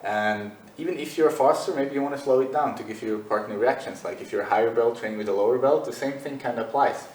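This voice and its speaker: A man's voice: medium pitch, quick pace, hardly any pauses, darkish tone, roomy sound, distant mic, a little hiss or hum, rough recording. A man teaching jiu-jitsu in a loose, conversational way while demonstrating on the mat. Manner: loose and conversational, many fillers. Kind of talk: casual instructional demo.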